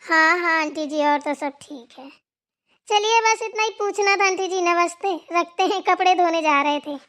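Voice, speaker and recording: A woman's voice: very high-pitched, moderate pace, fairly bright tone. A woman voicing a sweet coaxing young bahu. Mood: polite. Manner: polite, coaxing, soothing. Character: young daughter-in-law, chatty and soothing. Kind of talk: cartoon voice acting.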